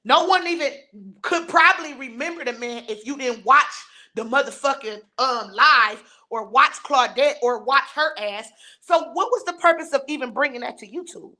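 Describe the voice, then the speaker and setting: A woman with a high voice and a sharp tone talks at normal speed while hosting a live stream. She rants bluntly and scornfully, reading her viewers' chat and answering it in a heated way.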